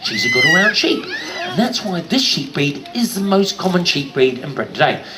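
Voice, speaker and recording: A higher-voiced man from New Zealand presents a sheep show on a live stage, doing jokey showman commentary for a crowd and talking to kids and the audience. His pitch swoops wildly at normal speed, and the recording is very noisy.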